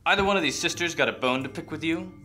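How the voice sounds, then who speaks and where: A man's voice: a little high, fast talker. A man playing a hard-boiled, lewd private detective in a noir parody, with overwrought slangy tough-guy patter. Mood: world-weary. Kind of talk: noir parody audio drama. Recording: loud music behind the voice.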